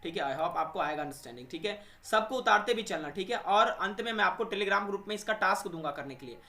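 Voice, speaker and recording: Teaching an English grammar lesson for exam prep, a man speaks quickly in a high, sharp voice with lively intonation, in an echoey room. He calls his students friends and little brothers, and poses questions that he answers himself.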